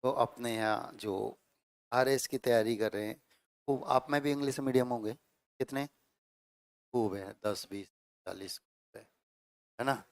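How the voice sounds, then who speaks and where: A middle-aged man lectures his class on grammar, going over each point twice and pausing to ask if everyone follows. His voice is clear and resonant. The sound is close and dry, with no room echo. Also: mid-range voice. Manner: explains slowly with repeated phrases and checks like 'theek hai'. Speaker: Hindi grammar teacher.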